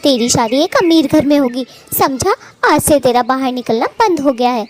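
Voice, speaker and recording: A woman doing a shrill scolding mother bird. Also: expressive, normal speed. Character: scolding proud female bird, Jaggu's mother. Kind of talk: Hindi cartoon voice acting.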